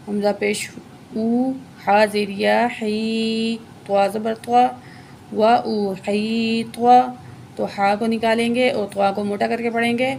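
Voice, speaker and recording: A woman teaching Quran reading word by word, explaining each letter and then reciting slowly and drawn out. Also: a little high, gravelly, darkish tone, a little hiss or hum.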